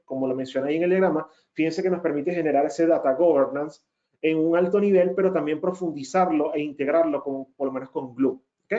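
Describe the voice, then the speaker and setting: A man with a fairly high but mellow voice walks his audience through a technical webinar. He explains patiently, keeps checking in with his listeners and pushes back with emphatic repeated denials. The audio is muffled and lo-fi. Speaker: webinar presenter, data consultant.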